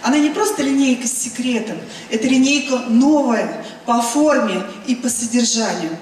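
A middle-aged woman giving an emphatic presentation speech on a large stage, in short phrases with pauses. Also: a little high, a little mellow. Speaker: company cosmetics director presenting. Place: large event hall stage. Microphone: handheld mic through PA, recorded from the audience. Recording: echoey hall PA, noisy, from far off.

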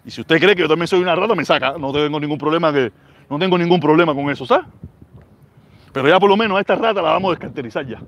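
A man's voice: fairly high pitch, very fast, no room sound, dull audio. A Cuban man with a Cuban accent, ranting heatedly on his channel, repeating himself and reading out viewer comments. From Cuba. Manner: angry, repetitive, street slang. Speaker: channel host.

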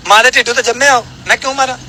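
A man's voice: very high voice, fairly even intonation, rapid-fire, pushed and bright, slight background noise, poor audio. A man answering in a street interview, preaching and firing rhetorical questions.

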